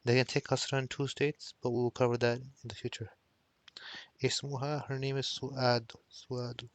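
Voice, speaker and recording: A man's voice: medium pitch, flat delivery, normal speed, no echo. A man teaching a textbook Arabic lesson who reads each Arabic line, translates it, and explains the grammar patiently, often restarting his words. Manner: reads Arabic lines then translates them, with frequent restarts.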